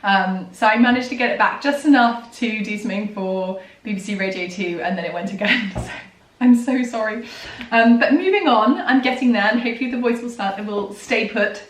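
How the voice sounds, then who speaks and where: Hoarse and on the mend from losing her voice, a book reviewer and vlogger in her thirties talks briskly and happily about children's books, with frequent ums and soft laughs. Her pitch sits in the middle. The sound is roomy and distant, with faint noise.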